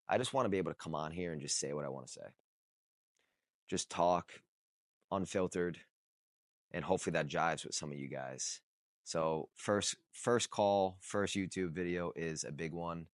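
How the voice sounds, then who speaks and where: A vlogger in his thirties, with a deep, low voice, speaks bluntly and casually straight to camera in unscripted talk. He swears freely and keeps circling back to his points for emphasis. The recording is dry and close, with no room sound at all.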